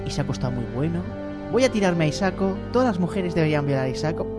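High-voiced man narrating over very loud music. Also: lively intonation, quick pace. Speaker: reporter. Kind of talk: scripted mock documentary narration.

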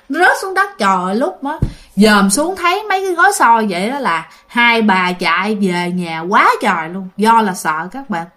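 This woman's voice is slightly high and a touch bright. With a Southern Vietnamese accent, she narrates a ghost story in a relaxed, chatty way, addressing her audience directly.

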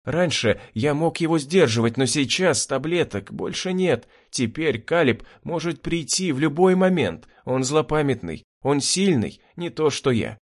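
Man doing a sobbing chubby engineer, pleading, higher voice, lively. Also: measured pace, few pauses. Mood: tearful. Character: big chubby male engineer, tearful, frightened.

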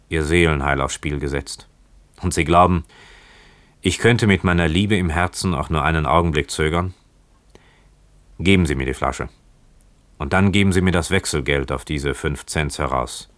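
A determined Hawaiian man who will not take no for an answer, his voice lifted well above the narrator's own very deep register. He speaks up loudly and presses every question, close and dry. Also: moderate pace, no echo. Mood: earnest. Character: determined Hawaiian man buying a cursed bottle.

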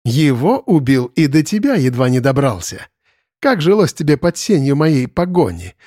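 A man's voice: mid-range voice, big pitch swings, normal speed, warm tone, no echo, studio quality. A man voicing a mocking, shapeshifting bird spirit that has taken over a boy's body, in an audiobook. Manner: sneering, taunting. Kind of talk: audiobook character voice.

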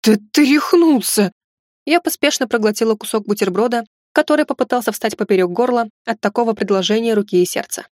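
A woman narrating a novel in an even, steady reading voice. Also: a little high, quick pace, hardly any pauses, no echo, clean studio sound. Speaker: audiobook reader.

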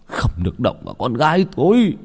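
A man voicing a frail, grief-stricken old father who shouts bitterly in a ghost story. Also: fairly high pitch, wildly swooping pitch, brisk, slightly rough, big-room sound, pitched above the performer's own voice, exaggerated voice. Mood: stern.

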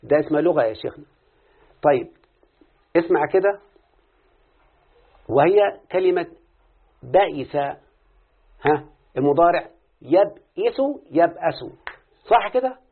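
A man's voice: a little high, animated, unhurried, pauses often, husky. A man teaching Arabic morphology with an Egyptian accent, quizzing his student and repeating the answers back to him. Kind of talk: classroom lesson with questions to a student. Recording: phone-like lo-fi audio.

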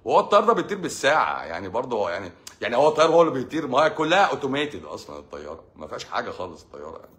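An Egyptian doctor hosting his own channel speaks in a very animated, rapid-fire mid-range voice with hardly any pauses and a fairly bright tone. In Egyptian Arabic, he delivers a casual monologue to his audience, giving advice in a sarcastic, mocking way.

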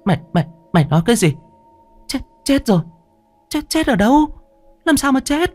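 A man's voice: fairly high pitch, sing-song, normal speed, husky, faint music behind, voice pushed up, full character voice. A man voicing a panicky, scheming old mother, stammering and pleading. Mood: alarmed.

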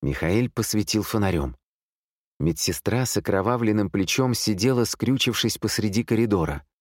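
A man narrating an audiobook thriller in a steady, suspenseful reading. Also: fairly low pitch, normal speed, no echo, clean studio sound. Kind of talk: scripted narration.

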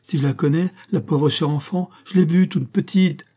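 A man's voice: on the high side, normal speed, mellow, pitched above the performer's own voice, lightly acted. A man voicing a desperate young ex-convict who pleads his innocence in a frantic, protesting way. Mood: anguished.

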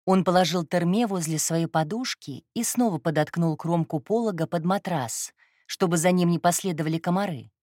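A woman reading a first-person story aloud in a calm, even narration. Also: lowish voice, normal speed, no echo, studio quality. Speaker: audiobook narrator.

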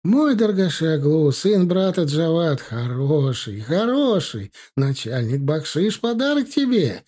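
A man's voice: big pitch swings, takes it slowly, dark tone, full character voice. A man voicing a fawning, plump caravan trader who pleads in broken speech. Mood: pleading. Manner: wheedling, pleading, high-pitched.

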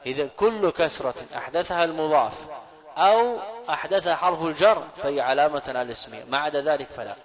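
A man, a scholar teaching grammar in a classroom lecture, who asks questions and answers them himself and slowly repeats key phrases. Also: fairly high pitch.

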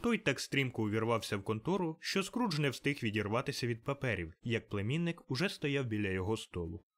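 A man reading a classic story aloud as audiobook narrator, in a measured, even storytelling manner. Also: mid-range voice. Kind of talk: scripted narration.

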